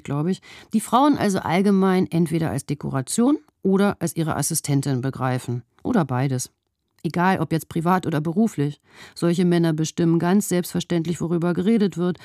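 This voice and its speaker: A woman reads her own first-person radio column, wry and opinionated in tone. Her voice is fairly low and warm. It is recorded close on a studio microphone with a dry sound. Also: no echo. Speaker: narrator.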